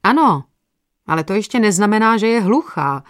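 Woman voices a frank, matter-of-fact female friend in an audiobook; lowish and dry. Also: expressive, no echo, natural voice. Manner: matter-of-fact, drops to a whisper at times.

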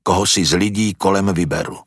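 A man voicing a calm, patient old philosopher who reasons through questions, in a storybook reading. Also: low-pitched, breathy edge, no room sound, studio quality. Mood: probing.

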